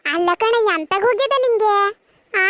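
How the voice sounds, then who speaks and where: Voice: very high-pitched, lively intonation, unhurried, fairly bright tone, dry recording, full character voice. A performer voicing a chatty, teasing cartoon schoolboy who coaxes his friend with questions. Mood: coaxing. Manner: chatty, coaxing, keeps asking questions. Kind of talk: cartoon voice acting.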